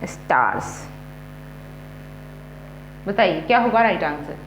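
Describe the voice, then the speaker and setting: A woman's voice: fairly low pitch, very animated, slow, a bit bright, roomy sound, slight background noise. A woman teacher running an exam-prep quiz, mixing Hindi and English as she reads each question, repeats the options and then gives the answer.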